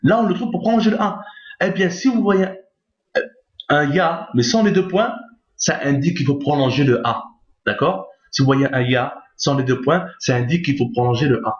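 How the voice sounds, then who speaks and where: A man's voice: fairly high pitch, normal speed. Man teaching patiently in a roomy lo-fi recording. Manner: patient, repeats each point, checks with "d'accord?". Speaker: Arabic reading teacher. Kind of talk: recorded lesson explaining on screen.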